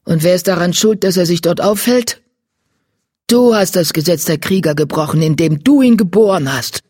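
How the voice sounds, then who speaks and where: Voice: medium pitch, fairly quick, a little mellow, dry recording, studio quality, natural voice. A reader voicing a stern elder she-cat who speaks curtly and reproachfully, raised above the narration. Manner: curt, reproachful.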